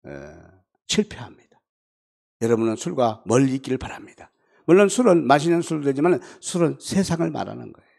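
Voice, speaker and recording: A man, a pastor, preaching a revival sermon and telling a personal story, acting out the other voices and swinging from hushed to loud. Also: medium pitch, lively intonation, fairly quick, gravelly. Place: church.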